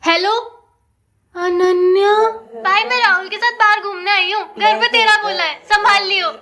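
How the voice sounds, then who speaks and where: A woman's voice: extremely high pitch, steady tone, normal speed, over a noisy crowd. A young woman acting out several playful characters in comedy skits. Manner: playful, switches between characters. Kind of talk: comedy skit role-play. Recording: background music.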